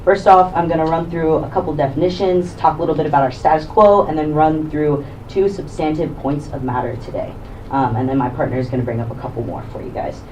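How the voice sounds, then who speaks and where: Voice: medium pitch, steady tone, quick pace, darkish tone. A young student debater giving an organized, upbeat opening speech. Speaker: debater, prime minister bench. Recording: distant mic with faint room noise.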